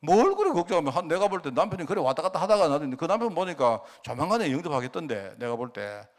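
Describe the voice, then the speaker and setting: A man's voice: on the high side, big pitch swings, fast. A middle-aged male pastor with a Gyeongsang Korean accent, preaching a storytelling sermon full of rhetorical questions.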